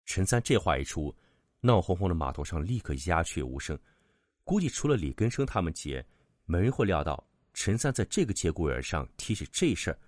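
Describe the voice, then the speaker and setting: A man narrating a serialized folk tale in a lively, expressive storytelling manner. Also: sits low, brisk, dry recording, clean studio sound.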